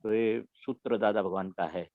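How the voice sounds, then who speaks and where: A man giving a spiritual talk to young listeners, explaining slowly and repeating his key phrases. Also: lowish voice, fairly even intonation, no echo. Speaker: spiritual teacher. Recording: dull lo-fi recording.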